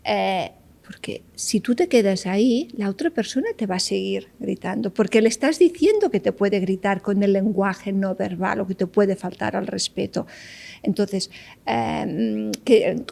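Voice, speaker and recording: A psychologist guest in an interview, this woman explains ideas didactically in a creaky, mellow voice of medium pitch. She takes her time and repeatedly checks in with "¿vale?".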